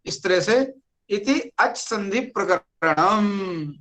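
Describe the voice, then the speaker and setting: A teacher giving an online Sanskrit grammar lecture, speaking deliberately and repeating key words. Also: medium pitch, animated, fairly bright tone, rough recording.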